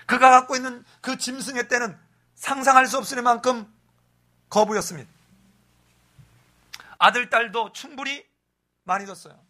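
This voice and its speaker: Male pastor, animated expository preacher, bright forceful delivery. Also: very high-pitched, moderate pace, long pauses. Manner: animated storytelling, rhetorical questions. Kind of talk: expository sermon.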